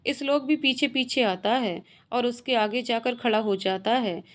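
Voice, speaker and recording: A woman's voice: fairly high pitch, measured pace. A woman reading an emotional romantic story aloud, narrating and voicing every character herself.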